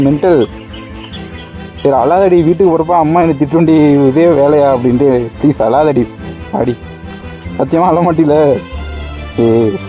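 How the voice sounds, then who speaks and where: A young man with a mellow, somewhat high voice and a Tamil Nadu accent chats casually outdoors with his best friend. A vlogger pulling a prank on her, he teases her, then coaxes and apologises.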